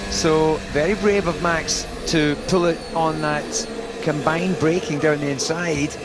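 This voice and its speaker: A man giving live motorsport analysis in a measured, deliberate way, weighing things up as he goes. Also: on the high side. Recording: very loud race car noise behind.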